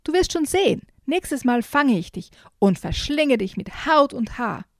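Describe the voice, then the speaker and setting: A woman's voice: normal speed, natural voice. Woman doing an eager squealing piglet child. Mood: excited. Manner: high, eager, squealing excitement.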